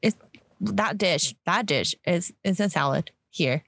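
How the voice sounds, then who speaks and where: A woman from the United States co-hosting a casual chat, playful and quick to laugh, teasing with questions. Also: fairly low pitch, expressive, gravelly, a bit bright, no echo. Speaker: podcast co-host.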